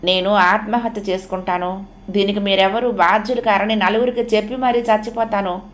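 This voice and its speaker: A woman's voice: medium pitch, fairly even intonation, lightly acted. A woman doing a tearful pleading young maid. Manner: pleading, sobbing, slow. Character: humble weeping young maid, wife.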